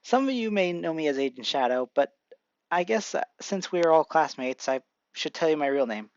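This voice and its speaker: A man voicing a shy, kind teenage boy hero who speaks haltingly. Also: on the high side, expressive, dry recording, lo-fi sound, natural voice. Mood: shy earnest. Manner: halting, hesitant.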